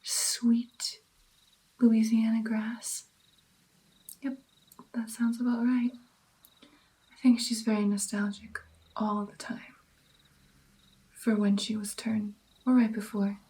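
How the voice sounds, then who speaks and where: Slow, whispering gentle vampire mentor, played by a woman. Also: a little high, monotone, rough recording. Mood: softly instructive. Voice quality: soft, breathy, mostly whispered. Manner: slow, coaxing, encouraging with pauses. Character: gentle female vampire patiently training her new darkling. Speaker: ASMR roleplay performer. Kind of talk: ASMR personal attention roleplay.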